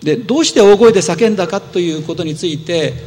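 A man preaching a sermon as pastor, explaining earnestly and gently with rising emphasis, in a church sanctuary. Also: high-pitched, fast talker. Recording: long hall reverb.

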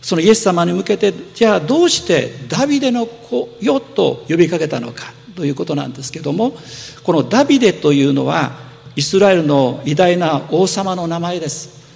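A man preaching a sermon as pastor, explaining earnestly and gently with rising emphasis, in a church sanctuary. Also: a little high, animated, fairly quick, vocal fry. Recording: long hall reverb.

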